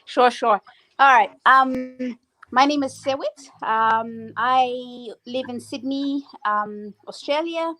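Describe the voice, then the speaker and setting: Higher-voiced woman, hesitant panel guest. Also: takes it slowly, pushed and bright. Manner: hesitant, many ums.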